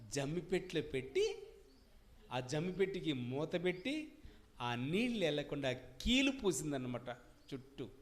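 A man preaching a sermon as pastor to his congregation, swinging between loud emphatic questions and quieter asides. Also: fairly high pitch, sing-song, moderate pace, long pauses. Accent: Telugu. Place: church service.

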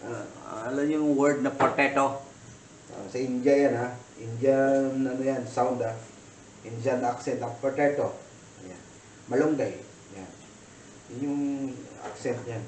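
A man's voice: mid-range voice, a little slow, warm tone, reverberant, distant mic, a little hiss or hum, poor audio. A man from the Philippines who vlogs about cooking, telling a rambling story in a casual chat while he cooks in a kitchen. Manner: rambling storytelling with many fillers. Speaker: cooking vlogger.

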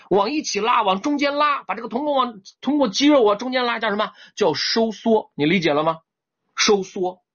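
Lively husky male vocabulary teacher. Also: high-pitched. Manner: lively and coaxing, often checks if students follow. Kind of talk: online vocabulary lecture. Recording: dull lo-fi recording.

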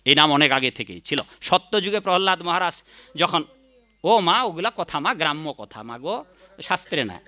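Male preacher, high bright voice, devotional sermon that breaks into chanting. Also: animated, normal speed.

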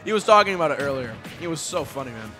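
An excitable male esports commentator calls the match live, cursing casually and exploding at big moments. His voice is bright and edgy and sits a touch high, with faint music underneath. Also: racing. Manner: excitable, swears, loud outbursts at big plays.

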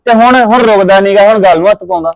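A man's voice: high voice, rapid-fire, poor audio. A young man playing a husband who insistently defends his wife in a family quarrel. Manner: insistent, persuasive. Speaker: son. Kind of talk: Punjabi short film acting.

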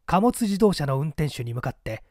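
An audiobook reader and small-theatre actor narrates a mystery tale with practised, expressive and dramatic delivery. His voice sits a little high, ranges widely and animatedly, and moves at a moderate pace. The recording is dry.

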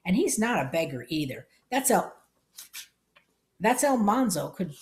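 A woman voicing a burly, angry shopkeeper who shouts and blusters. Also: medium pitch, sing-song, a little slow, slight background noise. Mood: furious.

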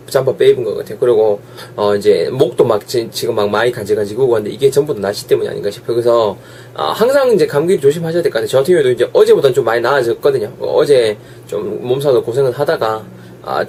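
Hoarse chatty man with a Gyeongsang accent. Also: mid-range voice, a little mellow, slight background noise. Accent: Gyeongsang Korean dialect. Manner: chatty, switches to slow drawn-out English examples. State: sore throat, coughing. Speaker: English teacher. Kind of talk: casual online English lesson.

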